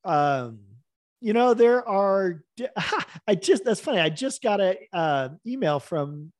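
A man as a podcast guest, telling stories in a casual, animated way and acting out the dialogue. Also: high-pitched, takes it slowly, no room sound, studio quality. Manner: animated, acts out quoted dialogue with laughs. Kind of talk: casual storytelling interview.

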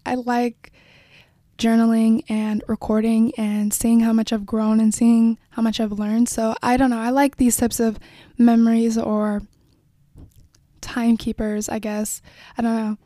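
A woman's voice: a little high, little pitch movement, a little slow, warm tone, no echo, clean studio sound. A young woman in her late teens hosting a casual solo podcast, rambling and reflective with frequent fillers. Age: young adult. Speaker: podcast host. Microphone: phone and microphone.

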